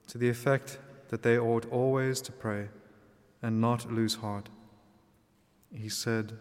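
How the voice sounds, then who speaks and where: Man with a cathedral echo, priest. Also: lowish voice. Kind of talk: liturgy, gospel reading and homily. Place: large church. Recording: long reverb of a large church.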